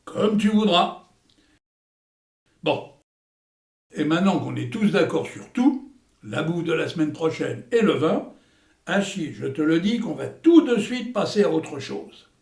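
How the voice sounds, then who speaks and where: Male actor as boastful old veteran, hammy stage delivery, creaky and fairly high-pitched, echoey room. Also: very animated, unhurried, pauses often, darkish tone, full character voice. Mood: grandly enthusiastic. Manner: hammy, theatrical stage delivery with florid slang. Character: Hector, boastful old war veteran and amateur playwright. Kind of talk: theatrical comedy acting.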